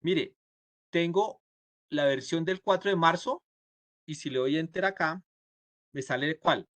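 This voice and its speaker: A man's voice: on the high side, unhurried, a bit bright, no room sound. A man from Colombia teaching a programming class live, explaining each step and checking with his students. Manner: acts out the computer's replies in quotes. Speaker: programming instructor.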